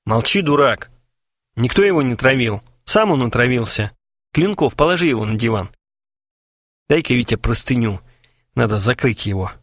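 A man's voice: medium pitch, animated, normal speed, long pauses, dry recording, lightly acted. A man voicing a cool, mocking young prankster who talks in a dry, matter-of-fact way.

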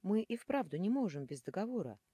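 A woman's voice: medium pitch, very animated, brisk, warm tone, husky, no echo, voice pushed up. A woman voicing two squealing, frightened suitors. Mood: pleading. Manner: squealing, pleading. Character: two frightened male suitors, an angel and a demon, pleading together.

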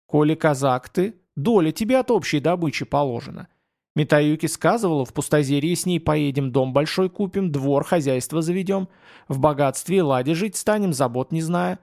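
A young Cossack woman, worn down and pleading, pours out her complaints in a noticeably raised voice, as a man reads her part. Her tone carries a gravelly grain. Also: fairly high pitch, moderate pace, a little mellow. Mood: hopeful. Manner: pleading, emotional outbursts.

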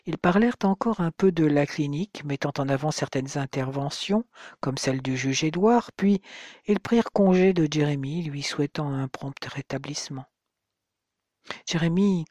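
An audiobook narrator calmly reading a novel on a close microphone. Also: mid-range voice, dry recording.

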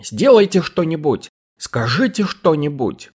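A man voicing a panicked young woman under arrest who pleads in a shrill, frantic voice. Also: lively intonation, moderate pace, darkish tone.

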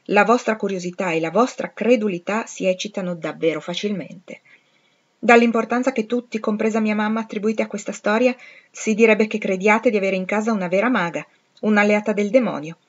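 A woman's voice: mid-range voice, fairly quick, lo-fi sound, pitched above the performer's own voice, lightly acted. A woman voicing a haughty, imperious young society woman who is curt and disdainful.

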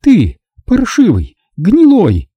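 A man's voice: high voice, very animated, fairly quick, mellow, husky, no room sound, lo-fi sound, voice pushed up, heavily acted. A man voicing a furious, spiteful young woman who shrieks and spits insults.

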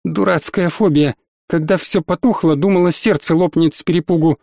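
A man voicing a frightened young woman player who panics in the dark, breathless and squeaky. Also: steady tone, normal speed, gravelly, dry recording, clean studio sound. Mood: shaky.

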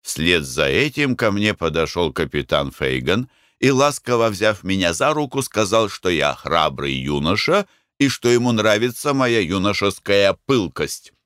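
Expressive low-voiced male audiobook narrator. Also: measured pace, clean tone, dry recording, studio quality. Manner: expressive, even-paced reading. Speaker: audiobook reader. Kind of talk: scripted narration.

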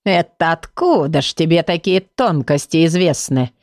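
A woman's voice: low-pitched, lively intonation, moderate pace, darkish tone, dry recording, studio quality. A woman voicing a sarcastic, mocking male book of magic rules. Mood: snide. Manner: snide, mocking.

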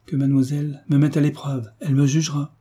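A man's voice: a little high, level tone, fast, dark tone, breathy edge. A man voicing a devoted, fawning governess in an audiobook, fussy and deferential. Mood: flustered. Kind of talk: audiobook character reading.

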